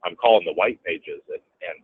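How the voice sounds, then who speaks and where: A man's voice: sits low, a little fast, slight background noise. A man telling a story in a casual interview, acting out other people's lines in a raised voice. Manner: animated, acts out quotes in a raised voice. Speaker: guest, real estate businessman. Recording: tinny phone-like audio.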